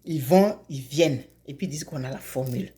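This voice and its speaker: A woman from Côte d'Ivoire telling a folk tale aloud in a lively, repetitive manner, often dropping to low asides. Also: fairly quick. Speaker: storyteller.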